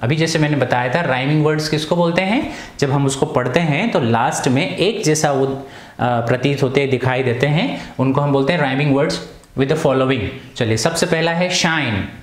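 A man teaching a lesson in Hindi, asking questions and answering them himself, and reading the lines slowly and carefully. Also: medium pitch, reverberant. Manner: slow, deliberate English reading. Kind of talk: classroom lesson explanation.

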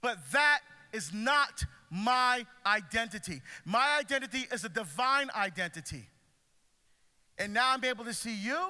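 A middle-aged deacon from Barbados preaches passionately to a school audience, his voice sitting high as he moves animatedly and emphatically around the stage. The talk takes place indoors in a large school pavilion, and the recording carries a long hall reverb.

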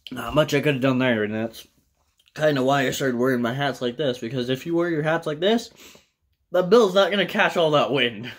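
Speaking unscripted to camera, a young American man with a medium-pitched voice shares a personal vlog story in a small indoor room with a bare wall. The telling is casual, meandering and halting, peppered with curse words.

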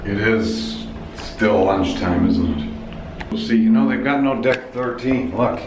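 A man's voice: on the low side, fairly even intonation, slow pace, noisy background. A man in his thirties, a magician vlogging casually on a cruise ship with a playful, joking manner. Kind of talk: casual vlog chat. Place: cruise ship corridors and theater stage. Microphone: handheld camera mic.

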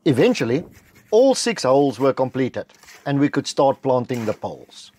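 A middle-aged South African man of Afrikaans background narrates his homestead-building vlog as a measured, matter-of-fact voice-over. His mid-range voice is warm, husky and a little sing-song, captured on a close mic.

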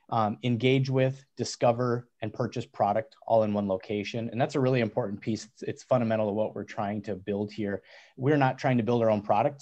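A man's voice: on the low side, dark tone, dull audio. A man in his thirties, a startup cofounder, talking in a video call interview from a small office over a headset, with many restarts and fillers.

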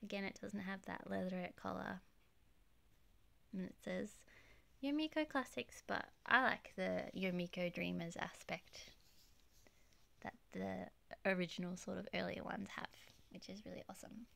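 Filming on a handheld phone from off-camera, a woman gives a chatty show-and-tell of the plush toys displayed in her bedroom. She's a little croaky from being unwell but gushes happily and giggles softly. Her pitch is medium, her tone steady, and she talks at a normal speed.

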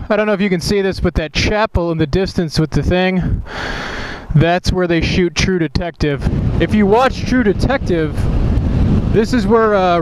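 A young man with a slightly high voice chats off the cuff as a motorcycle vlogger. He is informal, jokey and a bit foul-mouthed. Clear outdoor noise of wind and traffic runs through the recording. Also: rough recording. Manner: informal, joking, mildly profane, slangy. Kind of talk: casual rambling motovlog commentary. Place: outdoors, riding a motorcycle and walking.

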